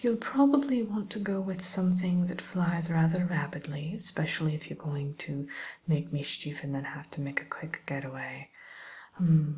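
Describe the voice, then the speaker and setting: A woman voicing a vain, sly witch tutor in a whispered ASMR roleplay, genteel and gently condescending to a pupil, with a soft, breathy, hesitant delivery. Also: sits low, close to an everyday voice. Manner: unhurried, hesitant, politely condescending, addresses listener as pupil.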